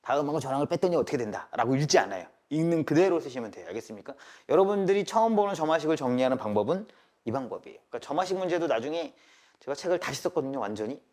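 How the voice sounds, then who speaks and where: A slightly high-pitched man teaches a live math class, tossing rhetorical questions at the room and checking in with a firm "got it?". He swings between polite phrasing and casual banter with his students. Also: animated, very fast, a little mellow. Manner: mixes polite and casual speech, drills with "알겠습니까?".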